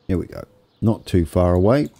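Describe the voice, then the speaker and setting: A gaming video host with a low, mellow voice casually talks through a game build at normal speed. He sounds wheezy and congested, and though expressive, his delivery is tentative as he thinks out loud through each step.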